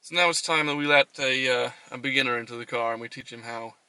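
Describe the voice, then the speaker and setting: Bright-voiced man giving a mock tutorial. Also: medium pitch, fast talker, clean tone, no room sound, recorded from a distance, low-quality recording. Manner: deadpan mock-instructional. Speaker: host. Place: inside a car.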